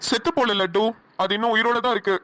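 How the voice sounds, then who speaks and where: A woman doing a gentle husband's deep calm voice. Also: fast talker, dry recording, lightly acted, rough recording. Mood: soothing. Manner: soothing, low and steady.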